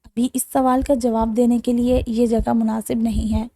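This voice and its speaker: Woman reading a gentle, mischievous young husband. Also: a little high, level tone. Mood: tender teasing. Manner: gentle, teasing.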